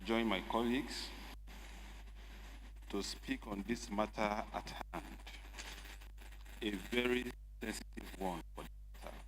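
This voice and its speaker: A man with a Nigerian accent giving a measured, emphatic formal speech as a state lawmaker. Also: fairly low pitch, a bit bright. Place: legislative chamber. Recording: echoey assembly hall with faint noise.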